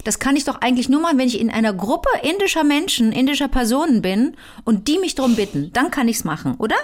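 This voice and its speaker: A woman's voice: sits high, lively intonation, fast. A woman co-hosting a casual chat, often laughing and poking fun at herself. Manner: laughs often, self-deprecating. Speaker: podcast co-host.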